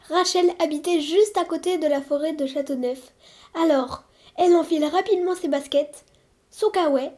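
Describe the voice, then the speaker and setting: A woman reads a children's fairy tale aloud with lively, expressive storytelling. Her voice is high yet warm and mellow. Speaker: narrator. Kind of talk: storybook reading.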